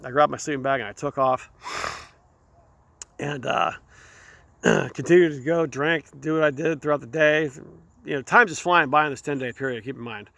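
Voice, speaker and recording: A man hosting his own show, telling a candid personal story in a rambling, halting way, often repeating words. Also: a little high, creaky, a bit bright, no room sound. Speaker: show host.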